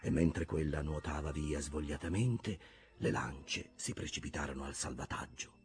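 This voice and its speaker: A man narrating a novel as an expressive, measured dramatic reading. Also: a bass voice. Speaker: audiobook narrator.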